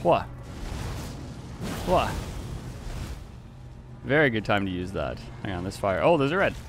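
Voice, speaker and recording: A gaming YouTuber talks casually and playfully over his own gameplay, often chuckling and saying hello to players he runs into. His voice is lowish with big swings in pitch, and he speaks a little slowly. Soft music plays in the background.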